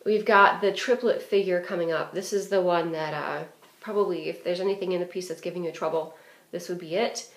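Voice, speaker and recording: A woman's voice: on the low side, fairly even intonation, fairly quick. A woman giving a clarinet lesson, explaining phrasing and fingerings in a practical way with frequent fillers. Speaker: clarinet teacher. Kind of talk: instructional music lesson. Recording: roomy echo.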